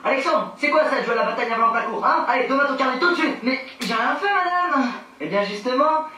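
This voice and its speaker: A man's voice: extremely high pitch, lively intonation, fast, pushed and bright, slight background noise, heavily acted. A young man putting on the voice of a nagging woman schoolteacher who scolds a pupil, in a mocking, overdone way. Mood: scolding. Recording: roomy, distant, music behind.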